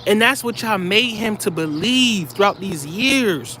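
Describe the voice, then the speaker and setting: A man's voice: sits high, animated, measured pace, sharp tone, slight background noise. A man delivering heated, profane commentary straight to his viewers, blunt and scolding.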